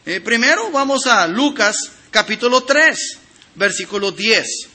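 High, bright, lively preaching man. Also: unhurried. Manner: expressive preaching, reads scripture aloud, addresses congregation directly; emphatic swings in loudness and pitch. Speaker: pastor. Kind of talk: sermon.

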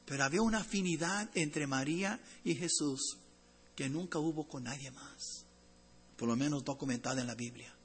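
A man preaching a sermon to his congregation. He swings between loud, emphatic lines and hushed, tender ones. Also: a little high, normal speed, breathy edge. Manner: addresses congregation as brothers.

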